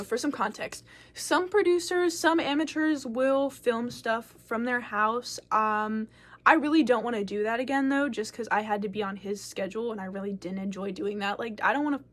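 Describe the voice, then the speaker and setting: A young woman casually telling a personal story to camera, frank and swearing freely, with lots of filler words. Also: fairly high pitch. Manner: animated, shifting loudness as she tells it. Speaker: vlogger.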